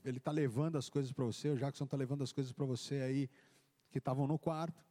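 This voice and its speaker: A man, a pastor, telling his testimony in a church service, acting out the dialogue as he tells it. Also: medium pitch. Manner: animated storytelling, acting out dialogue. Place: church hall. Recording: long church hall reverb.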